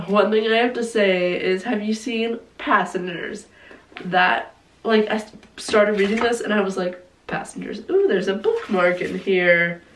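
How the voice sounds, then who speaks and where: A woman's voice: mid-range voice, recorded from a distance. A young woman, sick with a cold, talks in a congested voice from some way off the microphone in an echoey room. Her delivery is informal and rambling, as in a casual video chat, and she often breaks off and restarts her thoughts. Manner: rambling, informal, self-interrupting, frequent "like". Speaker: book vlogger presenting favorite reads.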